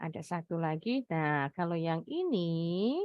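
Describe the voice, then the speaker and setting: Patient Indonesian woman teacher, animated delivery, slow measured pace. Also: lowish voice, no echo, lo-fi sound. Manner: patient, explains slowly, praises students. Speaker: English teacher. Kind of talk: online class teaching.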